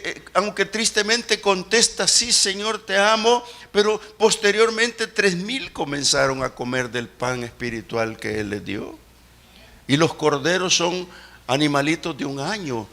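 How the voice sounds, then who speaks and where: A man preaching a sermon as pastor in a church, swinging between loud outbursts and low murmurs.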